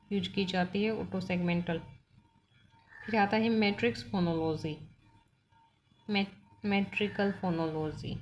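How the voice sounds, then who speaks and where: A woman teacher with an Indian English accent walks through a linguistics lesson, switching easily between Hindi and English. Her voice sits at an ordinary middle pitch. She explains each point patiently and keeps asking whether the class is following. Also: a little mellow. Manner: explains step by step, checking in with "ठीक है ना". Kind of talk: bilingual exam-prep lecture.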